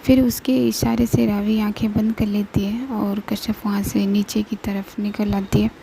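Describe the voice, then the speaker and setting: A soft-spoken woman narrating a romance story, often dropping to a half whisper. Her voice is gravelly and mellow, and she speaks slowly and flatly. A faint noise sits behind her. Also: medium pitch, low-quality recording.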